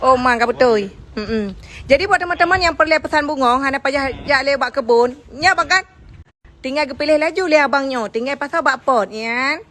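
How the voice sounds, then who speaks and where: A woman's voice: high voice, normal speed, fairly bright tone. A young woman with an Acehnese accent doing a comic vlog rant, complaining with exaggeration and slipping into local dialect. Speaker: social media comedian.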